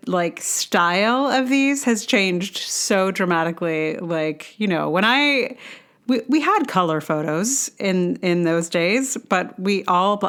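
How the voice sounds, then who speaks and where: A middle-aged woman, a playwright and actor, hosts a solo podcast where she muses casually in a hesitant, rambling way with self-deprecating humor. Her voice is fairly low and fairly bright, with a clear, resonant tone.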